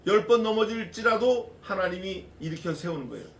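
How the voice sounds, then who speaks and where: A man's voice: high voice, brisk. Echoey, folksy male pastor preaching. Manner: folksy, animated preaching with rhetorical questions. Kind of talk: expository sermon. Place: church sanctuary. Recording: echoey church from a distance.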